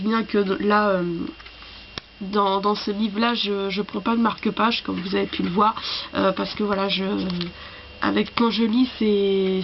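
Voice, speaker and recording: A woman with a cold, coughing now and then, who talks to camera about books in a halting, apologetic way. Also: mid-range voice, muffled recording, slight background noise. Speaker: book vlogger. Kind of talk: casual chat to camera.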